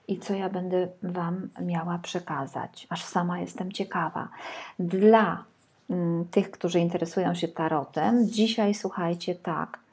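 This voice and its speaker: A woman's voice: fairly low pitch, a little mellow, husky. A woman reading tarot for her viewers in a chatty, casual way, sometimes dropping to a whisper while she lays out the cards. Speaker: tarot reader.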